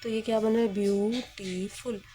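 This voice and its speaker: A woman teacher with a soft, mellow tone walks students through a grammar lesson step by step. She keeps a patient pace, posing questions and then answering them herself. Her pitch sits right in the middle for a woman. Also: fairly even intonation, normal speed, faint music behind.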